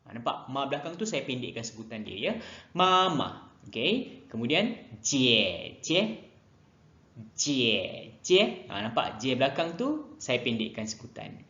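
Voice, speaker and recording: A man teaching a Mandarin lesson online, speaking slowly and repeating each word twice for students to copy. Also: mid-range voice, big pitch swings, a bit bright, reverberant, dull audio. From Malaysia. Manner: slow, drills pronunciation by repeating words twice.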